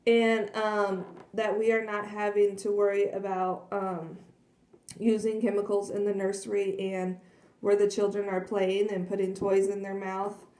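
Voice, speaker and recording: A woman demonstrating cleaning cloths in a casual, earnest way, a little hoarse from losing her voice. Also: mid-range voice, flat delivery, a little slow, a little mellow. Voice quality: frequent throat clearing and coughs. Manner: chatty, earnest, many fillers. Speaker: product demonstrator. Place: kitchen at home. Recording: echoey room.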